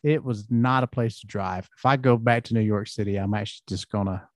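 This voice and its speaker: Folksy Southern-accented middle-aged host. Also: male voice, on the low side, a little fast, dry recording, studio quality. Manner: folksy, rambling storyteller. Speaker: podcast host. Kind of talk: casual interview chat.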